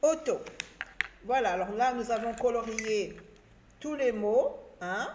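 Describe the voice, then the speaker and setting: Female teacher, early-reader lesson: slow, clear spelling-out, slightly high voice. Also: darkish tone, a little hiss or hum. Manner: slow, spelling words letter by letter.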